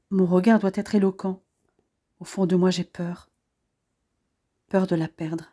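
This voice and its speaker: A woman reading a romance novel aloud in first person, calm and intimate. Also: medium pitch. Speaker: audiobook reader.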